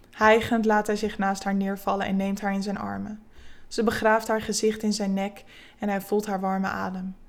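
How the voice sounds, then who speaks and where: A woman reading an erotic story aloud in a soft, slow, intimate way. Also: medium pitch. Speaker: narrator.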